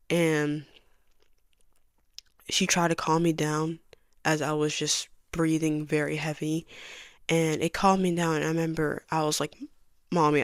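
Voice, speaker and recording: A young woman telling her personal story in a soft, halting voice that often sinks to a near whisper. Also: deep voice, clear, resonant tone, no room sound, clean studio sound. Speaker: vlogger giving a personal testimony.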